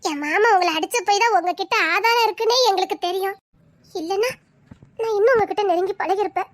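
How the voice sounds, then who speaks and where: A woman's voice: extremely high pitch, quick pace. A woman playing a heartbroken young female student who speaks with a Tirunelveli Tamil accent and keeps reproaching a lover through sobs. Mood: tearful reproach. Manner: sobbing, accusing and reproachful. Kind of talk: Tamil melodrama acting.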